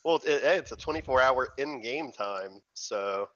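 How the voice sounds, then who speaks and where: A man's voice: mid-range voice, animated, normal speed, a bit bright, muffled recording. A man playing in a tabletop game, casual and rambling with lots of fillers. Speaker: player.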